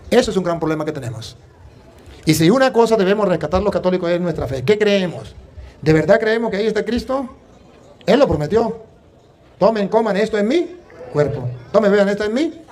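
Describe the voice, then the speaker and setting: Fast-talking priest, high-pitched. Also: male voice. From Venezuela. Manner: animated, emphatic, tells anecdotes with quoted dialogue. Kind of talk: preaching and storytelling.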